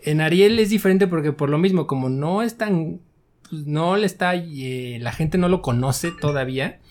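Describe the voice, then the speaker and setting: In an interview, a game developer with a Mexican Spanish accent talks casually, relaxed and chatty, laughing easily and using frequent fillers. His voice is on the high side at normal speed.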